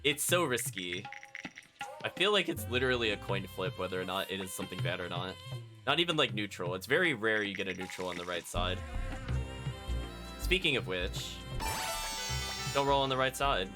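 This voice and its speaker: A video game streamer gives casual live commentary in a lowish, animated voice at normal speed, often pausing as he thinks aloud and chats with viewers. Game music plays in the background.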